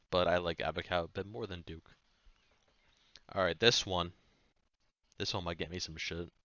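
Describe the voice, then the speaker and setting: A man's voice: sits low, bright, forceful tone, no room sound, highs cut off. A man reviewing music in a rambling, offhand way, swearing casually. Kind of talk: casual chat.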